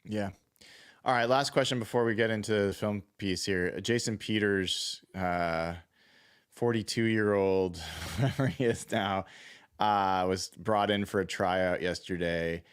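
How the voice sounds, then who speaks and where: A man hosting a casual podcast, asking quick questions in a relaxed way. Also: on the low side, smooth. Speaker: podcast host.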